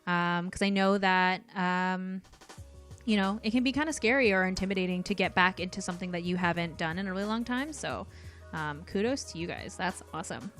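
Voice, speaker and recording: A young woman from Canada hosting an art livestream, chatting casually and reading viewer comments in a soft voice, with many ums and light laughs. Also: on the low side, fairly quick, faint music behind.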